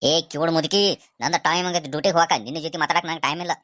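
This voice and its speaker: A woman's voice: sits low, fairly even intonation, rapid-fire, fairly bright tone. A woman with a North Karnataka accent playing an exasperated, henpecked husband in a comedy skit, grumbling and threatening. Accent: North Karnataka Kannada.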